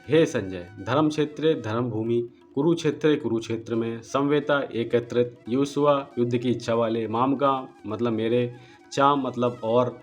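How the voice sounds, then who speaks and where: Man glossing Sanskrit verses slowly. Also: mid-range voice. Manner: slow deliberate word-by-word glossing of Sanskrit. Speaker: Gita book presenter. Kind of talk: explanatory book walkthrough.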